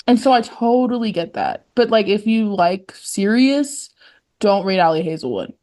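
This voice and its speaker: A woman's voice: mid-range voice, expressive, normal speed, dark tone. A young woman co-hosting a podcast, chatting casually, with a chatty, rambling manner full of "like"s and laughs. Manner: chatty, giggly, rambling with many "like"s. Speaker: podcast co-host. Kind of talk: casual chat.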